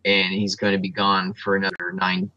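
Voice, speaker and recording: A man co-hosts a laid-back sports talk show, his voice a little low but bright and forceful. He runs through rankings and records methodically, pausing on plenty of ums. The sound is close and dry. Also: monotone, no room sound, muffled recording. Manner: analytical, reels off stats with frequent ums. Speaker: sports podcast co-host.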